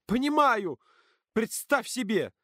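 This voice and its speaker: Shrill jealous teen girl, voiced by a man, audiobook, dry close read. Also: big pitch swings, slow pace, bright, forceful tone, no echo, exaggerated voice. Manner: screaming, accusing. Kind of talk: audiobook character voice.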